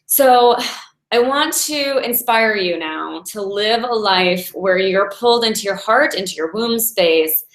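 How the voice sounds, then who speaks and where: A woman in her forties giving a chatty, earnest inspirational talk as a meditation teacher, laughing now and then between thoughts. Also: mid-range voice. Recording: echoey room.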